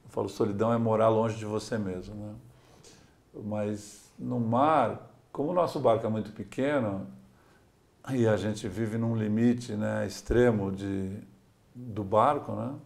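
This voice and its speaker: A sailor and adventurer from Santos, Brazil, speaks in a lowish, gravelly, darkish voice with fairly even intonation and a measured pace. In a relaxed interview he reflects and tells stories, adding small laughs and "né?".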